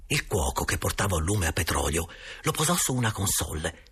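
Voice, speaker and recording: A man's voice: low-pitched, fairly quick, breathy edge. A man narrating a children's story expressively, acting out the scenes. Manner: animated, acts out the scenes. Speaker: audiobook narrator.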